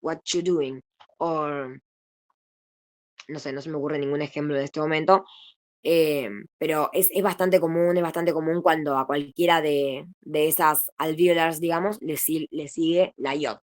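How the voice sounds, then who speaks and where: Young Argentine woman with a Rioplatense accent, lowish voice, informal study-group tutor. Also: fairly even intonation, moderate pace. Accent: Rioplatense Spanish. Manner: informal, self-correcting, mixes English terms into Spanish. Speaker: phonetics study group leader. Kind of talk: casual explanatory lesson.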